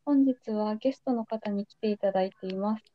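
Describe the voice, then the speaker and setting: A woman's voice: mid-range voice, a little fast, no room sound, dull audio. A young adult woman hosting a podcast, chatting casually as she interviews a guest. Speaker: podcast host.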